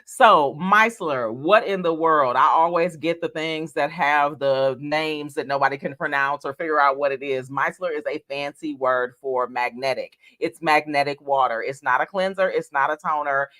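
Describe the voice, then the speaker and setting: A man's voice: a little high, normal speed, few pauses, sharp tone, no room sound. A man co-hosting an online bingo night as a bingo caller, with casual, chatty product talk. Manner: bingo caller drawing out the numbers.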